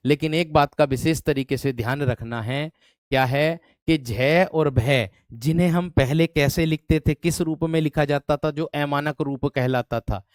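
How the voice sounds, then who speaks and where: A man teaching an online grammar class for exam students, often asking whether the class has understood and repeating words slowly as he writes. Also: on the high side, clean tone, dry recording, studio quality. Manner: repeats words slowly while writing on a board; asks the students frequent check-in questions. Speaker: Hindi teacher.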